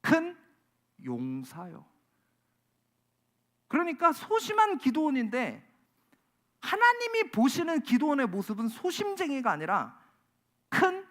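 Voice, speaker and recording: High-voiced, animated pastor preaching. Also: male voice. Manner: animated, exasperated rhetorical questions. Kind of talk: sermon. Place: church.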